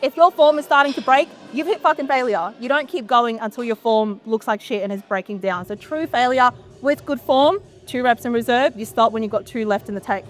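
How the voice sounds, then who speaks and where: High-voiced woman hyping a lifter. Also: brisk, few pauses, soft background music. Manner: loud hype encouragement, blunt swearing. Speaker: training coach. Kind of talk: gym coaching and explaining. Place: gym floor.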